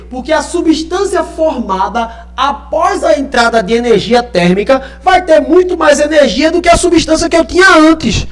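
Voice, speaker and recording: A male teacher gives a live online class from home, checking in often with the students. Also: very high voice. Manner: checks in often with tag questions. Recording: echoey room with faint music.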